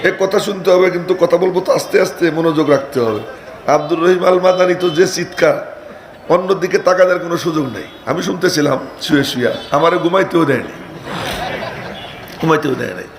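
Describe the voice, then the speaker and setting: A male Islamic preacher gives a sermon, swinging from loud declaiming to quiet asides to the crowd and chanting verses slowly. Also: on the high side, gravelly. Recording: echoey live sermon recording with faint noise.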